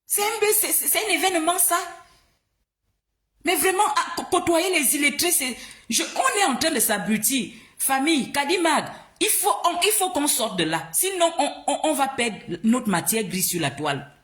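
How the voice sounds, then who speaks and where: A woman from Gabon speaking on a live stream, her pitch swinging up and down as she argues. She sounds indignant and confrontational, repeats her questions, and trips over restarts when she gets agitated. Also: sing-song, normal speed, a bit bright. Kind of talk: heated live-stream monologue.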